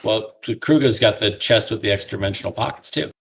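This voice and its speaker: A man's voice: lowish voice, quick pace, gravelly, slight background noise. A man chatting casually as a player in a tabletop game, with a playful, joking manner. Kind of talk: casual chat.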